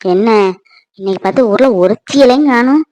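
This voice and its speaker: A vain, gossipy young village woman in a cartoon chatters and shows off, voiced by a woman. Her voice is high and lively, recorded close with no room sound. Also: normal speed, no echo, lightly acted. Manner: showy, gossipy, giggly chatter. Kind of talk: cartoon voice acting.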